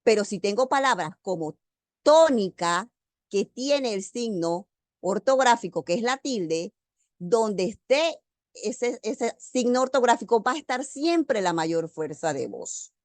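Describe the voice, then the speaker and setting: Woman teaching slowly over a video call. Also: medium pitch, expressive, no room sound. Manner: slow, deliberate, stresses key words. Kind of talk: online grammar lecture.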